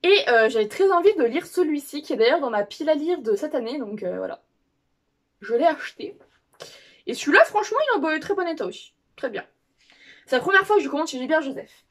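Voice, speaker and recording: A young woman chats on camera about her new books, rambling and correcting herself as she goes. Her voice sits a little high for a woman, with lots of filler sounds between thoughts. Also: lively intonation, a little fast. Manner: rambling, many fillers and restarts; chatty, self-correcting. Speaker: book vlogger. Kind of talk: casual unboxing chat.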